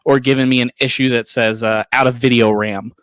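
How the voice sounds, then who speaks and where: A man's voice: medium pitch, fairly even intonation, brisk, a bit bright, clear, resonant tone, no room sound. A man in casual gaming chat as a livestream panelist, informal and amused at himself.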